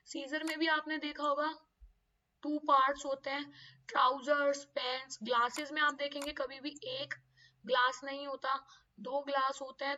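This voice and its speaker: A woman's voice: high-pitched, sharp tone. A woman teaching kids English grammar, patiently spelling out words letter by letter. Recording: distant, dull lo-fi audio.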